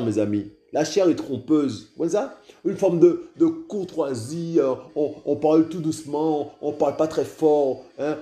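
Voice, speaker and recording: Male preacher, fairly high voice, mellow and dark in tone, insistent and repetitive, recorded in an echoey room with faint music underneath. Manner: repeats "mes amis" and "hein" constantly, urgent exhortation. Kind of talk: informal sermon.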